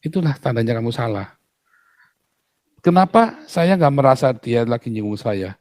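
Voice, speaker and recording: A man's voice: mid-range voice, animated, moderate pace, darkish tone, no room sound, clean studio sound. A man, a pastor, talking in an outspoken casual way, emphatic and full of rhetorical questions.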